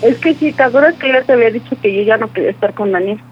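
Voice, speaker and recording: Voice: mid-range voice, very fast, lo-fi sound, natural voice. A performer playing a flustered young married woman with a Mexican accent, stammering and pleading in a radio comedy sketch. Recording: radio studio with music behind.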